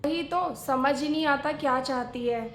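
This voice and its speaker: A chatty young married daughter who keeps complaining about her in-laws, voiced by a woman. Her voice is high, and the skit is recorded in an echoey room. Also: normal speed, a little hiss or hum. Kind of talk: family skit acting.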